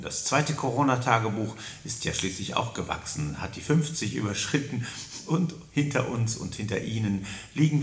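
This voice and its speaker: A man leading a singing warm-up lesson, coaching listeners and demonstrating syllables and vowels in a high falsetto. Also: roomy sound. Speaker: singing teacher.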